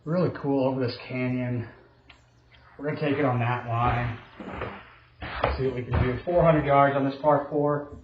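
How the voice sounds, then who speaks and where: A man's voice: mid-range voice, fairly even intonation, normal speed, long pauses. Middle-aged male golfer, casual self-commentary in golf commentator manner, understated; echoey indoor room, slightly muffled recording. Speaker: golfer narrating his own simulator round. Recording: roomy echo, slight noise, dull sound.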